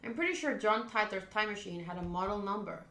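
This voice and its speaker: A woman streams a visual novel, reading the narration aloud and tossing in casual reactions, with game music behind her. Her voice is medium-pitched, expressive, brisk, bright and forceful. The voice track sounds roomy and echoing.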